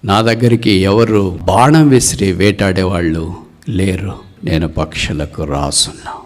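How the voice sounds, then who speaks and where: A male preacher voicing a wounded eagle king who laments his fall, his voice climbing into high emotional cries. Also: unhurried, big-room sound. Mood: lamenting.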